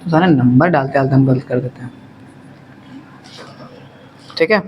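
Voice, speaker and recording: A man's voice: mid-range voice, moderate pace, dull audio, slight background noise. Man teaching chemistry to a class. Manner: quizzing students, answering own questions. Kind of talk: classroom lecture.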